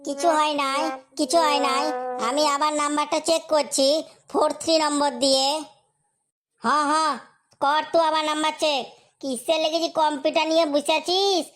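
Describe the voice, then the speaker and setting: A woman's voice: high voice, flat delivery, normal speed, fairly bright tone. A woman playing a fussy male village computer-shop operator, rambling and scolding. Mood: flustered. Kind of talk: comedy sketch acting.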